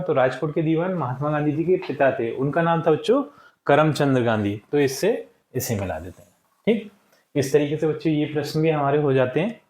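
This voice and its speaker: A male teacher walking young pupils through textbook answers, saying each word slowly for them to repeat and often checking in with "ठीक है". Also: on the high side, a little mellow, echoey room. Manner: slow and deliberate, checks in with frequent "ठीक है". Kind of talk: classroom lesson walkthrough.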